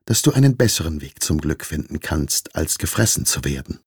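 Man reading a soft gentle storybook cat lady, low and husky, slow soothing talk. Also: sing-song, dry recording, heavily acted. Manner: soothing, unhurried. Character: calm, kindly female cat.

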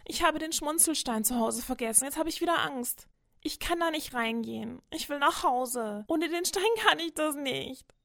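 A woman voicing an anxious little schoolgirl in a children's story, high and fearful. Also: normal speed, gravelly, fairly bright tone. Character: anxious little schoolgirl on her first day.

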